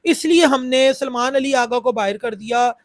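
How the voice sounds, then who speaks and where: A Pakistani cricket YouTuber with a sore throat talks through casual cricket analysis, repeating himself and using lots of fillers. His voice is very high at normal speed, recorded in studio quality without echo.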